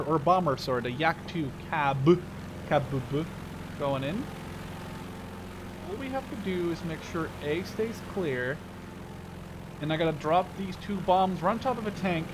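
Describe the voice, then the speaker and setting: Here the Canadian host, a man in his 20s, keeps up his laid-back, jokey, slang-filled gameplay commentary while laughing at himself. His voice is a little high, and game vehicles rumble through a noisy background.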